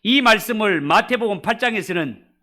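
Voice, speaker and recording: At a church evening service, a male pastor gives an expository sermon, swinging between loud emphasis and hushed drops. His voice is high, expressive, and fairly quick.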